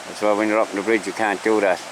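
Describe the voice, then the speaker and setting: A man's voice: on the low side, level tone, very fast. A man with an Irish accent chatting casually and folksily to viewers in a rambling outdoor fishing vlog. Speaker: fishing vlogger. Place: outdoors along a river. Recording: outdoor ambient noise, riverside. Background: clear outdoor ambience.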